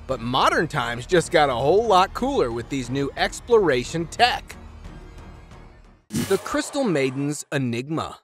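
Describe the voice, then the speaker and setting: A man delivers scripted countdown narration with a playful, slangy manner. His pitch sits a little high and swings widely from line to line. A music bed runs quietly underneath.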